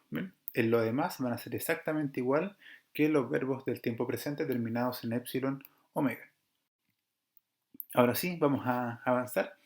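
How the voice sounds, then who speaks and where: A man teaching an online class over slides, explaining patiently, checking in with his students and correcting himself as he goes. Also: mid-range voice. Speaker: Greek teacher.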